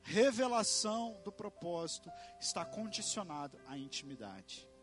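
High-voiced preacher with faint music. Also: male voice, lively intonation, normal speed. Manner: emphatic, rhythmic repetition, calls out amen to the congregation. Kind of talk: sermon.

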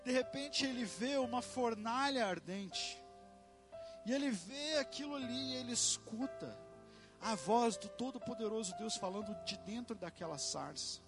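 A man's voice: extremely high pitch, expressive, normal speed, music in the background. A man preaching a sermon, emphatic and rhythmic, repeating phrases and calling out amen to the congregation.

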